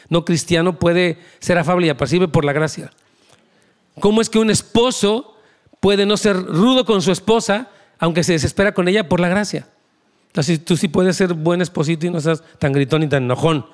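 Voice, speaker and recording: A man, preaching a conversational, emphatic sermon as pastor, with asides to the congregation. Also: high voice.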